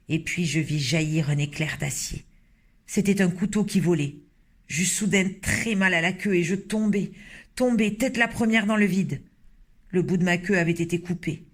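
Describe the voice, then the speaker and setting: A man narrating a children's novel in a lively, expressive way. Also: high-pitched. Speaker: audiobook narrator.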